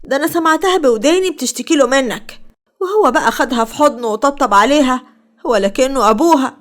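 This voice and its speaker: A woman's voice: high voice, expressive, fast talker. A woman with an Egyptian Arabic accent voicing a jealous, scheming young woman who gets flustered. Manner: wheedling, flustered.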